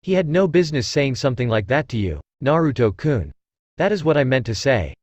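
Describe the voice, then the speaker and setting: A man voicing a shy, earnest young female ninja who speaks softly and hesitantly. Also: medium pitch, very animated, brisk, no room sound. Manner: soft, hesitant.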